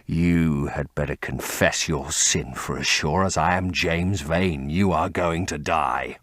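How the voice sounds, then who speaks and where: A man's voice: extremely low pitch, a bit bright, dry recording, studio quality, pitched below the performer's own voice, exaggerated voice. A man playing a grim vengeful sailor. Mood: threatening. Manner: slow, menacing, deliberate.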